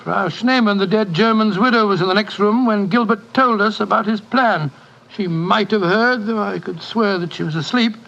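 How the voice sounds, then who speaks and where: An actor playing an earnest, hesitant English doctor with a British accent and a blustery, halting manner in a 1940s radio drama. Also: male voice, high voice, creaky, a bit bright. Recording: dull, noisy 1940s radio recording.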